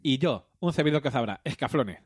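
A man's voice: medium pitch, lively intonation, brisk, slightly rough, no room sound, studio quality. A man with a Spain Spanish accent co-hosting a podcast with casual, playful banter and section introductions. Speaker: podcast co-host.

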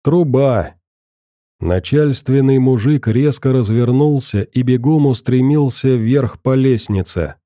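A man reads an audiobook in a steady, measured way, delivering scripted narration in a mid-range voice. The recording is dry, with clean studio sound.

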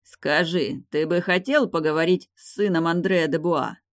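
A woman voicing a gruff, haughty king. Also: sits low, moderate pace. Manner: curt, commanding.

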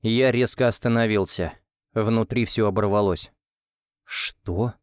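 Guy reading a fantasy novel, steady even telling, medium voice, dry close mic. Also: mid-range voice, normal speed, clear, resonant tone, no echo. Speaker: audiobook narrator. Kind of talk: first-person fiction narration.

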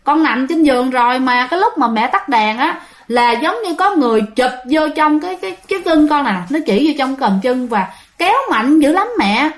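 A woman voicing a frightened young boy who insists something grabbed his leg in the dark, in a told ghost story. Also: sits high, animated, moderate pace. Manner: scared, insistent pleading.

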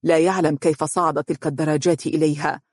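A narrator with an Egyptian accent reading a novel aloud in a steady, formal manner. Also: medium pitch, fast, no echo, clean studio sound. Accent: Egyptian Arabic.

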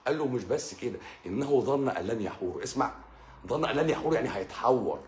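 Man, Egyptian Arabic accent, religious talk, animated pitch, addresses listener directly, roomy echo. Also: fast, slight background noise. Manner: lively, addresses listener directly, repeats and stammers. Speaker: channel host.

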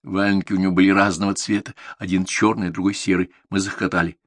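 Low-pitched guy reading a story, calm and even, super dry studio sound. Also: quick pace, no echo. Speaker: audiobook narrator. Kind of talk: scripted literary narration.

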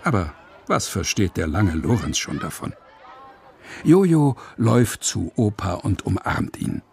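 A man reading a children's story aloud in an expressive, playful way. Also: lowish voice, unhurried, gravelly, a little hiss or hum. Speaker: narrator.

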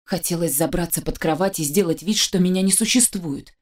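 A woman narrating a first-person story as an audiobook reader, with lively storytelling and a dry wit. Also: lowish voice, brisk.

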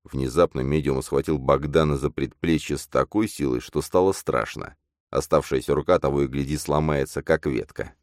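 Deep-voiced man narrating a story, steady pace, dry studio sound. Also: moderate pace, dry recording. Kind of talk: audiobook narration.

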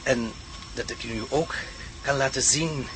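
This man's natural, unhurried voice sits at medium pitch as he plays a German-accented Prussian nobleman in a Dutch radio drama. The courteous character, a defector from the villain's camp, explains matters earnestly, and background noise can be heard.

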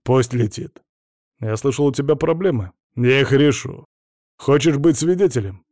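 A man's voice: medium pitch, moderate pace, dry recording, lightly acted. Harsh rich husband who barks and sneers, read by a male narrator, dry close recording. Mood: cold. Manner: shouting, scornful. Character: domineering wealthy husband, harsh and bullying. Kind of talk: audiobook character reading.

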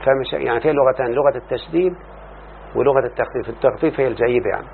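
On a tinny lo-fi recording with faint hiss, an Egyptian-accented man teaches Arabic morphology, reading a grammar text aloud and explaining it. His mid-range, creaky voice comes rapid-fire as he keeps quizzing his student to check they follow.

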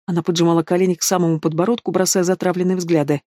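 Steady audiobook narrator, dry sound. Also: medium pitch, racing, no room sound. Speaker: audiobook reader. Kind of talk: scripted fantasy narration.

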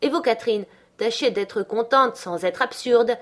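A woman reading an audiobook and voicing an irritable young gentleman who talks in a peevish, curt way. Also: fairly high pitch, measured pace, voice pushed up, lightly acted.

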